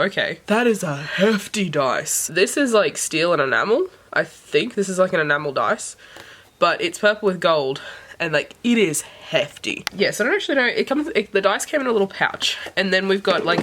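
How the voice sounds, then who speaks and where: A woman with a hoarse voice that is giving out from sickness, chatting casually and thinking aloud as she vlogs an unboxing. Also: lowish voice, fairly bright tone, slight background noise. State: hoarse, sick-sounding voice that is giving out. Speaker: book vlogger.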